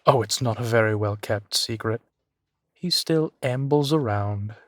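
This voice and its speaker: A man voices a centuries-old vampire duke in an intimate roleplay audio drama, playing him as genteel, amused, and a doting host. Wry and secretive, he talks slowly and theatrically in a mid-range voice, savoring pauses with soft chuckles. The studio sound is clean with no echo.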